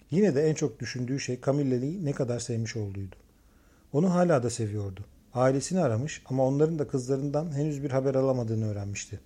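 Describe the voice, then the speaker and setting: A man reading a crime novel aloud in steady, measured scripted narration. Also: medium pitch, husky. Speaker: audiobook narrator.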